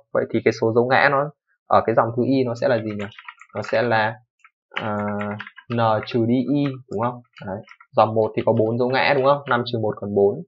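A young man rattles through a coding lesson at a fast clip. He keeps it casual, often checking in with his listener and fixing his own slips as he goes. The recording sounds dull and lo-fi. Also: mid-range voice, slightly rough. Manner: fast, informal explaining with frequent "đúng không" checks and self-corrections. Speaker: programming teacher. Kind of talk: screen-recorded coding tutorial. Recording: dull lo-fi microphone.

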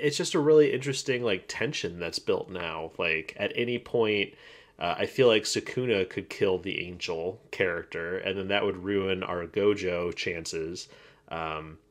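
A man co-hosting a casual podcast, rambling and laughing often with plenty of fillers and restarts. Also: low voice. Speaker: podcast co-host. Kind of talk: casual chat.

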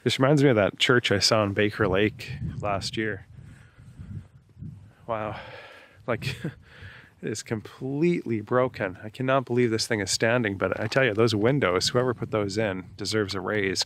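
A man with a fairly low voice talks his way through an outdoor walk in a relaxed travel-vlog manner, chatty and full of "you know" and "like". Faint outdoor noise and occasional clicks sit behind him. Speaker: travel vlogger. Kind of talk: casual walking commentary. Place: outdoors among ruins on a remote island.

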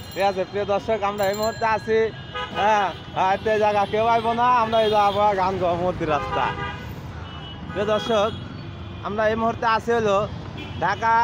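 On a busy city roadside, a high-pitched Bangladeshi man hosts a casual street vlog, talking to his viewers and to a young boy. Traffic, vehicles and city ambience fill the noisy outdoor recording.

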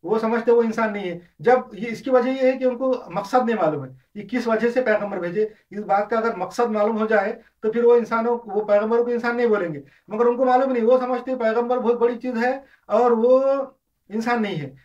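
A man's voice: very high-pitched, fairly even intonation, fairly quick, a little mellow. A man gives an informal religious lesson, explaining with examples and often hesitating or restarting. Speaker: religious lecturer. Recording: distant, dull lo-fi.

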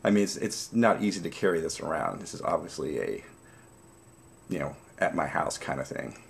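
A man in his forties chatting casually to camera in a savoring way, pausing between puffs on a pipe. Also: rumbling low, big pitch swings, vocal fry. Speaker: pipe-smoking vlogger. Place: small dim room at home, indoors.

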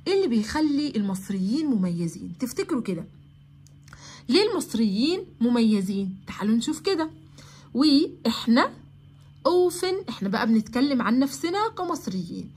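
A young woman with an Egyptian Arabic accent teaching children English, reading English words slowly and explaining quickly in Arabic. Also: a little high, slightly rough. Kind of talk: classroom lesson explaining English grammar.

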